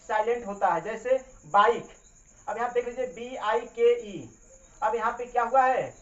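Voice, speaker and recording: A man's voice: very high voice, animated. A male English grammar teacher giving a classroom lesson. He spells words out letter by letter, asks the class questions, and answers them himself. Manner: slow, repetitive spelling out of letters. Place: coaching classroom. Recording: distant, roomy, dull recording.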